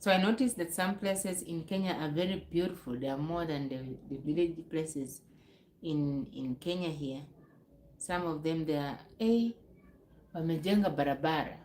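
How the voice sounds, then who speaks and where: A woman's voice: on the low side, a little mellow, reverberant, a little hiss or hum, rough recording. A woman from Uganda, chatting casually on her live stream, rambling and repeating herself. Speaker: livestream host. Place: noisy home with kids nearby.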